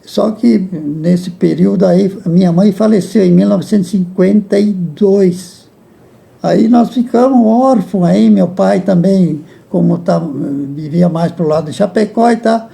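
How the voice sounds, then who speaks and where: An older man, talking as an interview guest. His voice is fairly high for a man, strongly gravelly and dark. He speaks haltingly, repeating words and chuckling as he remembers. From Rio Grande do Sul, Brazil. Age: 80s. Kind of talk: reminiscing in a casual interview.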